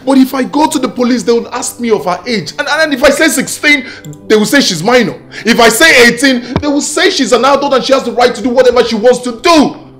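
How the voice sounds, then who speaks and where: A frantic young husband, pleads in a high, wildly swooping voice. He repeats himself in a panic, overwrought, in the style of a film comedy. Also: expressive, a little fast, a bit bright, faint music behind. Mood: distraught. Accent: Nigerian.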